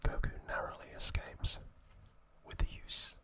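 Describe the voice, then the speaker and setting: A male ASMR channel host whispers softly and haltingly right up close to the mic, in no hurry. He reads episode summaries and chats with his viewers.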